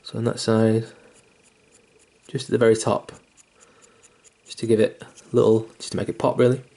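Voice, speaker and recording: Walking through miniature painting in a casual tutorial, this young man has a lowish, dark voice with vocal fry, a level tone and a moderate pace. He's mildly self-deprecating and swears now and then, rambling slightly with fillers and restarts. He keeps hiccuping.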